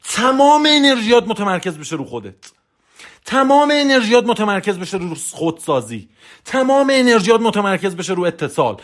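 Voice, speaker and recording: A man's voice: sits high, sing-song, fairly bright tone. A man giving a motivational coaching talk in a voice message, emphatic and preachy, hammering points home through repetition.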